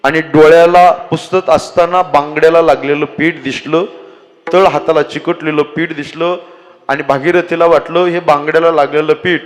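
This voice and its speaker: A man's voice: fairly high pitch, fairly even intonation, normal speed, big-room sound, poor audio. A man from Maharashtra preaching a devotional kirtan, telling a story with sing-song chanted lines and emphatic calls to the villagers. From Maharashtra, India.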